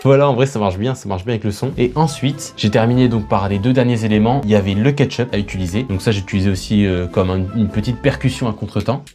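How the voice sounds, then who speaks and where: A man's voice: lowish voice, quick pace, few pauses. A man recording a casual video in his bedroom, making music and chatting with viewers in a self-mocking way. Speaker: music producer YouTuber.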